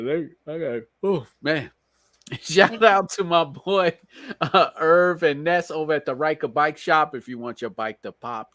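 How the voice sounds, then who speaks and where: A man's voice: on the high side, no room sound, clean studio sound. Tired New York man hosting a live stream. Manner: laid-back, slangy, reads chat and gives shout-outs. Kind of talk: casual live stream chat.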